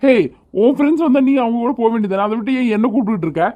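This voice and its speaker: A hot-tempered cartoon young man who scolds and commands, fierce in defending someone he cares about, as an actor plays him. The voice sits at an everyday middle pitch. It is a cartoon voice performance. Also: racing, warm tone, close to an everyday voice. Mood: irritated. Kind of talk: animated cartoon voice acting.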